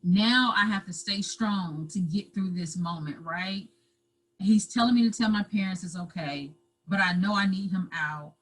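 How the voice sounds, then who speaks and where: A woman guest telling her own story in an interview, halting and repeating herself, at times close to tears. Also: medium pitch, a bit bright, poor audio. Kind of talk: emotional personal storytelling.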